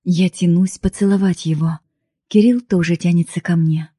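A woman's voice: on the low side, steady tone, moderate pace, dark tone, slightly rough, dry recording, clean studio sound. A woman reading an emotional first-person audiobook narration in a heartfelt, pleading way. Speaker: audiobook reader.

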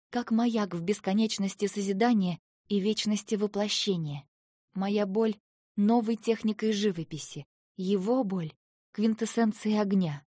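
A woman narrating a first-person fantasy novel in an expressive voice that moves between quiet and heated. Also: mid-range voice, dry recording, clean studio sound. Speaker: audiobook narrator.

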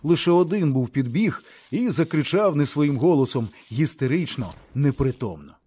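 A man narrating a literary audiobook in a measured, expressive way. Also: on the high side, slightly rough.

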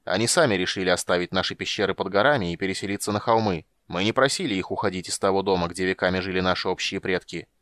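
A man reading an audiobook, voicing a proud, hot-tempered dwarf king who speaks gruffly and bursts into shouting. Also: on the low side, brisk, dry recording, clean studio sound, lightly acted. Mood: angry.

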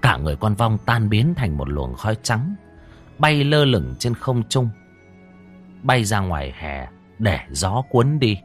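A man narrating a ghost story audiobook with lively, expressive storytelling. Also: lowish voice, unhurried, soft background music.

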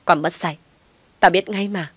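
Woman reading as a harsh scolding aunt, middle-aged, low voice, dry sound, storybook. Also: fairly even intonation, moderate pace, fairly bright tone, breathy edge, no room sound. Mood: furious.

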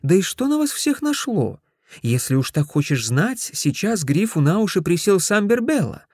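A man's voice: very animated, normal speed, a little mellow, husky, dry recording, clean studio sound, heavily acted. Man doing a perky, teasing young operator girl. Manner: high, sing-song, mocking.

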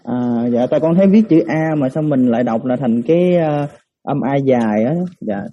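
A man, a student asking halting, repeated questions in an online class. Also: mid-range voice, animated, dark tone, dull audio, a little hiss or hum. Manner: halting, stammers and rephrases questions.

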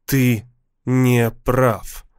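A man voicing a gentle, hesitant teenage girl who refuses to hate. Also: mid-range voice, little pitch movement, extremely slow, smooth.

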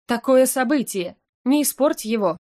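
A woman's voice: sits high, animated, moderate pace, darkish tone, pitched above the performer's own voice. A woman reading an audiobook, voicing a proud and bossy young royal sister who speaks in a grand, commanding way. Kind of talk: audiobook character voice.

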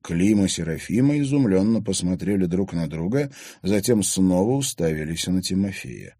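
A man narrating an audiobook in an expressive storytelling manner. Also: low-pitched, normal speed, breathy edge, no echo, studio quality. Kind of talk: scripted narration.

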